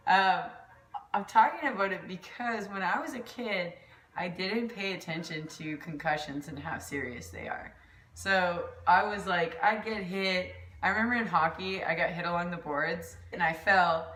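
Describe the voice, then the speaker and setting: Woman vlogger, rambling casual chat, lowish voice, mild concussion, roomy and off-mic. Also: normal speed, a bit bright, far from the mic. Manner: rambling, chatty, laughs often. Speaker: volleyball coach vlogger. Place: at home, kitchen pantry. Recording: echoey room, off-mic.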